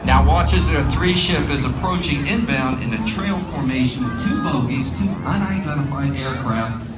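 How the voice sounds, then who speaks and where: Man, airshow commentator, formal announcer delivery, medium pitch, echoey PA, loud music behind. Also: normal speed. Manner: addresses the crowd as "folks", formal announcer delivery.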